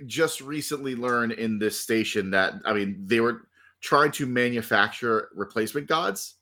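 A man's voice: medium pitch, normal speed, bright, forceful tone. A man acting as game master, bantering casually and teasingly with his players and swearing freely. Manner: teasing, jokey.

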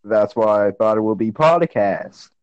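A young man in casual call chat with friends, playful and mocking, firing off quick jabs. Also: mid-range voice, expressive, darkish tone, no echo, muffled recording. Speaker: podcast co-host.

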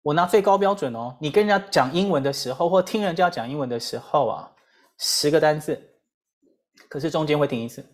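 Brief: Taiwanese-accented woman teacher, lowish pitch, animated lecture with drilled repetitions. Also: fairly quick. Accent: Taiwanese Mandarin. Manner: animated, repeats drills and rhetorical questions, mixes in English phrases. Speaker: English teacher. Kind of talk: lively lecture.

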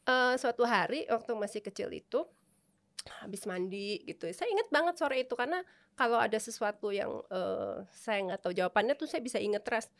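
Her voice is a little high and a little fast. This Indonesian woman, a casual interview guest, recounts stories with lots of energy, laughing frequently and performing the remembered conversations.

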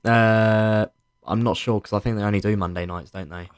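A man co-hosting a sports podcast in relaxed, informal conversation. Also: lowish voice, normal speed, clear, resonant tone. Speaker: podcast co-host. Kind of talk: casual sports podcast chat.

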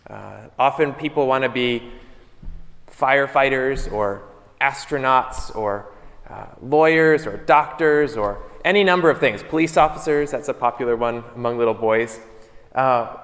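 Priest at a pulpit microphone, church reverb. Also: male voice, medium pitch, fairly bright tone. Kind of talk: gospel reading and homily.

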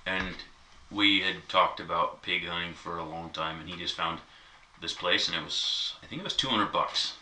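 A man's voice: low voice, moderate pace, sharp tone. A man in casual chat, telling a long, easygoing story with many asides. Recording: echoey room, mic at a distance, faint noise.

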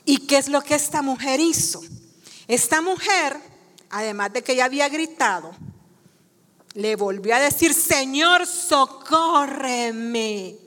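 High-voiced woman preaching in a reverberant hall. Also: moderate pace, a bit bright. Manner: addresses the congregation with rhetorical questions. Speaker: guest preacher. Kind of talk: sermon. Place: church. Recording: long church-hall reverb.

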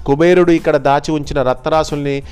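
Man reading as an ancient cursed man, weary, grave, steady, storybook. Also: fairly high pitch, brisk, smooth, faint music behind, natural voice.

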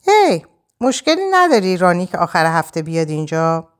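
A woman's voice: fairly low pitch, sing-song. A woman narrator voicing a casual, easygoing female housemate with a breezy, offhand manner.

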